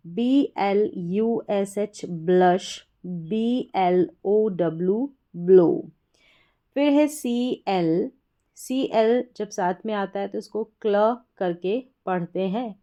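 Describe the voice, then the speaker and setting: A woman's voice: mid-range voice, dark tone. A woman teaching a beginners' spelling lesson, patiently spelling out letters and repeating each word. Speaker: English teacher.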